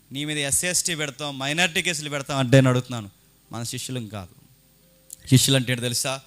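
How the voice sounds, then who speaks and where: A man preaching a sermon as pastor, swinging between loud rebuking outbursts and hushed pleading, and firing rhetorical questions at the congregation. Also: mid-range voice.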